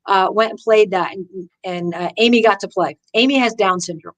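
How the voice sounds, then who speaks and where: A woman's voice: medium pitch, fairly quick, poor audio. A woman golf teacher, a guest in an interview, telling stories with enthusiasm and acting out what people said. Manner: enthusiastic, acts out quotes with lively voices; frequent restarts, "you know". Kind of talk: conversational interview storytelling.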